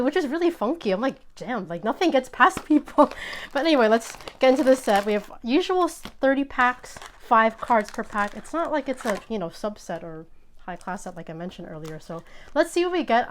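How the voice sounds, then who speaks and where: Chatty woman host, excitable and fast-tripping. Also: a little high, slight background noise. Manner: excitable, chatty, trips over words. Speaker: host opening trading card packs. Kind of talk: casual unboxing chat.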